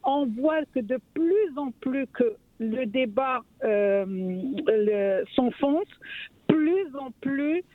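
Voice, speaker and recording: A woman's voice: sits high, expressive, drawn-out words, no echo. A woman from Morocco, a radio guest speaking with passion, often repeating words as she searches for the next one. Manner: impassioned, repeats words while searching, rhetorical questions. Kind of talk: radio discussion. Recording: dry, phone-like line.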